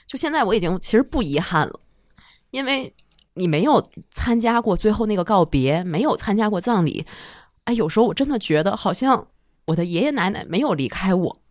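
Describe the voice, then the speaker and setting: A woman in her thirties, a guest on a talk show, telling an emotional personal story in a halting, heartfelt way. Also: medium pitch, animated, a little mellow, dry recording, clean studio sound. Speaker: guest listener.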